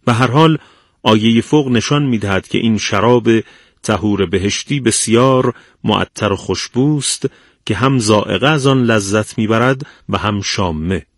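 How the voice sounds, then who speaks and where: Low-voiced man reading a calm commentary. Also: dry recording, studio quality. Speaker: radio presenter. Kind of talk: scripted explanatory narration.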